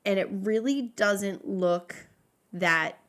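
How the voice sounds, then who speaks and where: A woman's voice: mid-range voice, slow pace, a bit bright. A woman co-hosting a podcast, leading the talk and going through her researched notes in a casual, filler-heavy way. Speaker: podcast co-host leading the episode.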